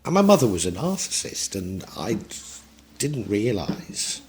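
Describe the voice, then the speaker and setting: A man's voice: lowish voice, big pitch swings, measured pace, slight background noise. A man in his sixties giving a tarot reading in a reflective, rambling way with frequent restarts. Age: 60s. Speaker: tarot reader.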